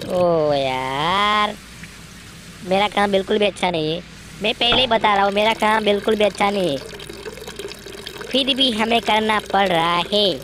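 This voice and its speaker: A man's voice: high voice, measured pace, pauses often. A man voicing a boastful, bossy young man who brags and orders others around, as gaming commentary in character. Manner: bragging, impatient, bossing others around. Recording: noisy background.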